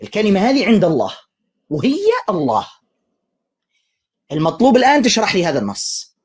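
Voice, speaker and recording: A man's voice: high-pitched, wildly swooping pitch, very fast, darkish tone, slightly rough. A man, a sheikh, debating religion, pressing his opponent with repeated insistent questions and sarcastic jabs. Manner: mocking, sarcastic.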